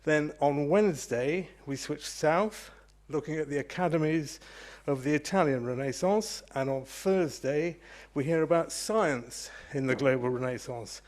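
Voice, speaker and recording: A man hosting a lecture evening, introducing the speaker in a measured way with a few fillers. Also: on the high side, a little mellow. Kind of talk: event introduction.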